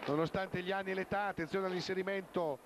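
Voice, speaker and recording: A man giving live match commentary as a sports commentator, excited and drawing out words at goals. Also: high-pitched, quick pace. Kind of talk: live goal commentary on an Italian roller hockey match. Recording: very noisy sports hall TV broadcast.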